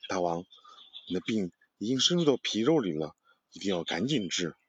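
Man doing grave ancient doctor, deep husky voice, storybook read-aloud. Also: sing-song, normal speed, no echo, dull audio, full character voice. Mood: urgent. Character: grave male ancient physician, earnest warning.

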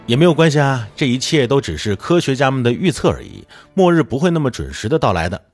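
A man's voice: mid-range voice, big pitch swings, quick pace, darkish tone, soft background music. A man playing a glib TV anchor. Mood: announcing. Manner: smooth announcer delivery. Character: glib male TV news anchor. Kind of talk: audio drama acting.

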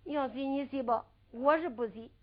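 A woman's voice: sits high, normal speed, natural voice. A woman storyteller voicing a sly young man disguised as a maid, who mutters asides and stubbornly refuses in a whining tone. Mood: stubborn pleading. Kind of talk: traditional storytelling with sung ballad. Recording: lo-fi dull recording.

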